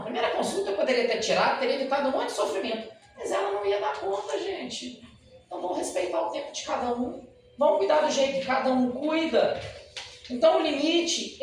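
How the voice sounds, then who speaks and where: A man's voice: very high voice, a little hiss or hum. A man, a dentist, giving a spoken lecture and telling stories, often addressing the audience directly. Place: lecture hall at a spiritist center. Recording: very echoey hall, mic far off.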